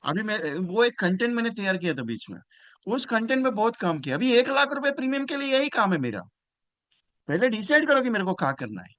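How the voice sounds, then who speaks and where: Forceful man trainer. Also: high voice, sing-song, fairly quick, dry recording, muffled recording. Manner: emphatic, swings from loud bursts to quiet asides, acts out phone calls. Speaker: insurance sales trainer. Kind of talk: motivational training talk.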